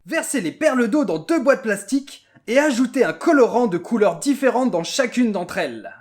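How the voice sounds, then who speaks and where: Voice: medium pitch, very animated, close to an everyday voice. Une voix qui interprète un robot de laboratoire joyeux et pétillant, qui présente avec entrain un jeu scientifique aux humains. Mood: chirpy. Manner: bubbly, exclamatory, quick. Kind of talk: scripted toy demonstration.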